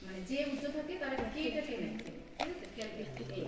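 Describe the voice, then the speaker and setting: A woman's voice: sits high, animated, moderate pace, heavy background noise. A woman teacher in a laboratory explaining equipment and quizzing her students with questions. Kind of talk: classroom lab instruction. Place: large echoey laboratory with students. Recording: distant voice in echoey hall with crowd.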